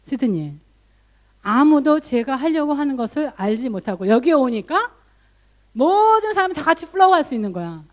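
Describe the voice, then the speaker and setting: A woman pastor preaches in a relaxed, story-driven manner, mixing English loanwords into her talk. Her voice sits a little high for a woman, and she lifts it further when she voices her own prayers. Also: normal speed. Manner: conversational storytelling, voice rising for quoted prayers; mixes English loanwords into speech. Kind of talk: sermon.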